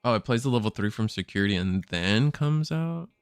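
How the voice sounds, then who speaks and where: A man casting a card game tournament live, thinking out loud and correcting himself as he talks. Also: on the low side, lively intonation, brisk, smooth, dry recording, soft background music. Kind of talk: live play-by-play commentary.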